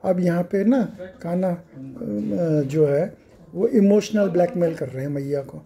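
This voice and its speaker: A man telling devotional scripture stories, explaining slowly and breaking into sung verses. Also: high voice, creaky, warm tone. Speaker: scripture storyteller.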